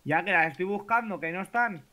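Grumbling man with bright voice. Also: high voice, fairly quick. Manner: grumpy, swears, mock threats. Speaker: gaming co-host. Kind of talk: casual gameplay chat.

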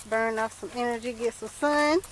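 A woman casually telling a story in a vlog, chatty and quick to laugh. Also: fairly high pitch, fairly even intonation, a crowd in the background. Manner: chatty, laughs often, playful. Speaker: vlogger. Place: car and park, outdoors.

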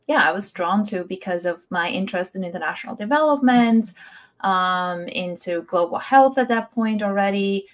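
A woman at a medium pitch. She tells her story in a casual, conversational way, as a guest being interviewed over a video call through earbuds. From Austria. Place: indoor room, video call. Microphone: wireless earbuds on video call.

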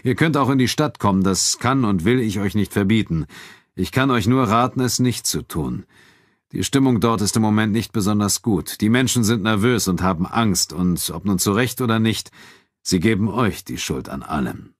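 A man reading an audiobook and voicing a calm, cold male town official who speaks in a measured, quietly firm manner. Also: on the low side, no room sound, studio quality, voice pushed up.

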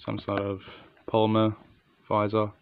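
A man's voice: lowish voice, completely flat delivery, unhurried, phone-quality sound, a little hiss or hum. A man giving a casual, unscripted hands-on product review in an understated, matter-of-fact way.

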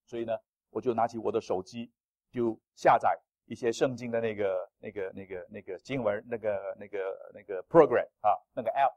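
A male pastor preaching a sermon in an animated, playful way, with self-deprecating humor. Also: fairly low pitch, moderate pace, dry recording, muffled recording.

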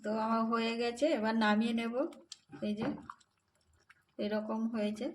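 A woman's voice: a little high, normal speed. Woman narrating a home cooking video. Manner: calm step-by-step explaining. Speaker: cooking channel host. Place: home kitchen. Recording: faint background noise.

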